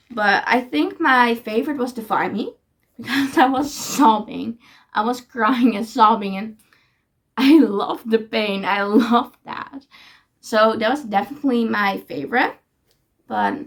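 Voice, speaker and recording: A book vlogger with a fairly high voice and some vocal fry chats casually in a reading vlog. She gushes to her viewers and keeps repeating herself to reassure them.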